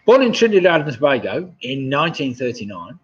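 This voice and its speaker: A man's voice: mid-range voice, sing-song, a little fast, husky. A man in his sixties hosting a live online pub quiz from home, chatty and chuckling at viewers' jokes, on a webcam mic. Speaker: quizmaster. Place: home room, indoors. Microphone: webcam mic, seated at desk. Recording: dull lo-fi webcam audio.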